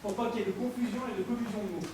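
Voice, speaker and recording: A man's voice: high-pitched, steady tone, very fast, noisy background. A man performing a live mentalism act on stage, teasing and joking with volunteers from the audience. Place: theater stage before an audience. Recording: echoey hall recorded from far off, with crowd ambience.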